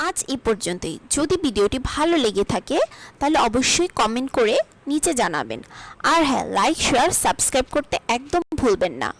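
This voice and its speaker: A woman teaching spoken English, reading each sentence aloud slowly and carefully, twice over. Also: on the high side, sing-song, dry recording, poor audio.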